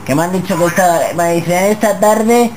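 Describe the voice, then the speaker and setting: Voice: medium pitch, normal speed, a little mellow. A person with a Spanish accent from Spain, making an insistent, slangy, colloquial complaint as a caller over a landline phone. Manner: insistent, colloquial, repeatedly asking. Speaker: prank caller. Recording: noisy landline phone call.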